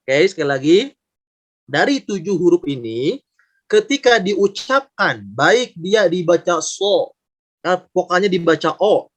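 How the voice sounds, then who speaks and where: A man teaching a Quran recitation class online, patient and step by step, slowly sounding out each letter and repeating examples. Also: sits high, a bit bright. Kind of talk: online tajweed lesson. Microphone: video call.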